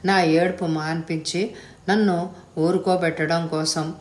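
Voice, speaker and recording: A woman's voice: lowish voice, steady tone, measured pace, lightly acted. A woman voicing a teasing, playful young heroine in a storybook reading. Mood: reflective. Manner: teasing, light. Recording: echoey room.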